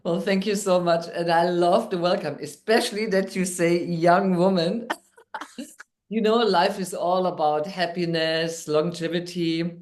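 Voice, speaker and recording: A woman's voice: fairly low pitch, fairly even intonation, unhurried, a little mellow. A woman with a German accent, a guest on a podcast, telling her story in an upbeat way. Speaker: guest, midwife and NLP trainer. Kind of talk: podcast interview.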